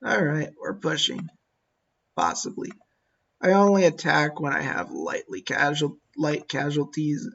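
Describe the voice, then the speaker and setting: Slow-talking man musing over a game. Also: fairly high pitch, very animated, creaky, fairly bright tone, highs cut off. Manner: slow, musing, talks to his units. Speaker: gameplay commentator. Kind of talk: casual strategy game commentary.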